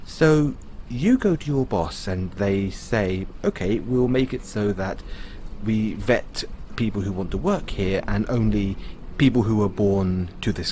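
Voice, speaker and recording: In an audio roleplay, a man plays the thoughtful, kindly owner of an android, musing and explaining things to the listener in a measured way. His voice is lowish and darkish in tone, with slight background noise.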